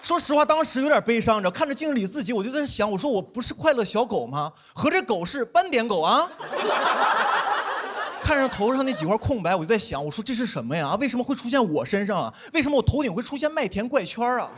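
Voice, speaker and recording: A man's voice: extremely high pitch, rapid-fire, few pauses, slight background noise. A young man performing a self-mocking stand-up comedy set on stage before a live audience. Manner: animated, self-mocking punchlines.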